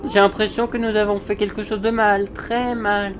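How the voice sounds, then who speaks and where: A man voicing a small, nervous male monkey sidekick from a video game, in a squeaky, anxious high voice. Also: little pitch movement, moderate pace, noisy background, natural voice. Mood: worried.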